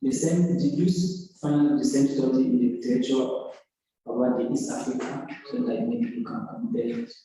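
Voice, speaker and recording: A man questions a student about his thesis, stopping and restarting as he lists corrections. His voice is very dark and mellow. It sounds recorded from across a large, echoey room, with faint noise underneath. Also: medium pitch, big pitch swings, recorded from a distance. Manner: halting, corrective, many restarts and fillers. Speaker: thesis examiner. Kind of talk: academic oral examination.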